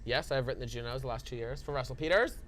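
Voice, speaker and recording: A man, a stand-up comedian, chatting casually in an interview, playful and quick to joke. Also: mid-range voice, fairly bright tone, slight background noise.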